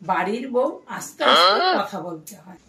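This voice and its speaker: A strict, nagging mother-in-law, played by a woman scolds in a comedy skit, repeating herself as she lectures. Her voice sits at a middling pitch. It sounds distant, in an echoey room away from the mic. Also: expressive, moderate pace, a crowd in the background, close to an everyday voice. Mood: scolding.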